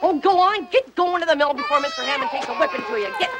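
A woman's voice: high voice, animated, quick pace, very noisy. An actress playing a harsh, overworked mother who scolds a servant girl in a rural dialect. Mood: scolding.

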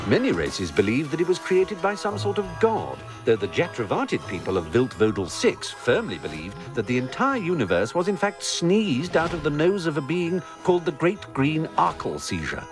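An actor as an erudite guide narrator, reading scripted comic narration in a dry, articulate way. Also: male voice, fairly high pitch, huge pitch swings, normal speed, few pauses, far from the mic, over music. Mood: dryly amused.

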